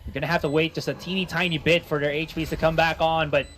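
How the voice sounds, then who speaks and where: A man's voice: on the high side, flat delivery, fast talker, a bit bright, a little hiss or hum. A man giving analytical esports color commentary in a chatty, playful way. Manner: chatty, playful, acts out quotes.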